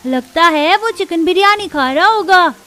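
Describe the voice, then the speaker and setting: A woman doing very high-pitched hungry village kids. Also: animated, a little slow, sharp tone, exaggerated voice. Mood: playful. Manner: pleading, stammering when upset. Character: poor hungry young village children, boy and girl. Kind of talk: Hindi cartoon voice acting.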